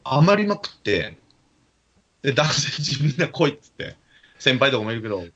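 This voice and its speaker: A man telling an animated story in casual chat, acting out the quotes of the people in it. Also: medium pitch, normal speed. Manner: animated anecdote with acted-out quotes. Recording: dull lo-fi recording.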